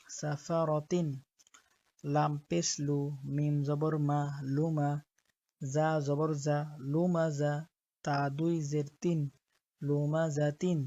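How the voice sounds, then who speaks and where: A man teaching Quran reading, spelling out letters and syllables slowly and deliberately, one at a time. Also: on the high side, darkish tone, dry recording, muffled recording. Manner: slow, deliberate letter-by-letter drilling. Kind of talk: slow spelling-out lesson.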